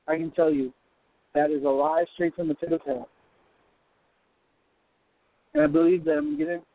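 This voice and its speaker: A man's voice: high voice, creaky, no room sound. A man calling in on a buzzy, glitchy phone line that keeps breaking up. He preaches fervently from a moving car and speaks straight to the listener. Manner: fervent, exhorting, addresses the listener directly. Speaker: caller. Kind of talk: prophetic preaching over the phone. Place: driving through the hills. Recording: tinny, breaking-up phone call.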